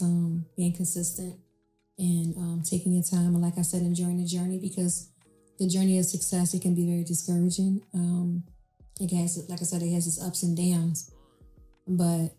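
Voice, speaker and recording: A woman who runs her own business, talking in a relaxed, reflective way as an interview guest. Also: on the low side. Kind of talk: casual interview chat. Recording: roomy echo.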